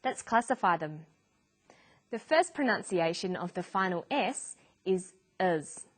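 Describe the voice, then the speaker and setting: A woman narrating an English lesson in a clear, deliberate teaching voice. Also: on the low side, very animated. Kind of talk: scripted educational narration.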